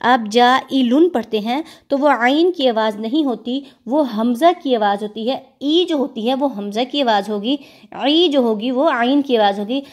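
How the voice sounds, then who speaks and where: A woman teaching Quran recitation rules, explaining patiently step by step and stretching words slowly when she demonstrates sounds. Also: on the high side, a little mellow. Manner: patient, explains step by step, repeats "theek hai".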